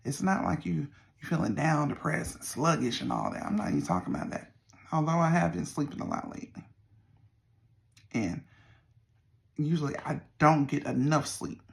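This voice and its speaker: A middle-aged person with a Southern US accent and a creaky voice, chatting casually to viewers in a folksy, meandering way. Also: mid-range voice, big pitch swings, normal speed, long pauses. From Southern United States. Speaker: vlogger. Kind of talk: casual rambling check-in to viewers.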